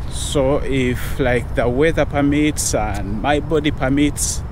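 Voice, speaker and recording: Slow-talking man vlogging outdoors. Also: mid-range voice. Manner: unhurried, chatty, with fillers. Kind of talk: casual fitness vlog. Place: outdoors on suburban sidewalks and in a car. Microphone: action camera held close. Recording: outdoor street noise.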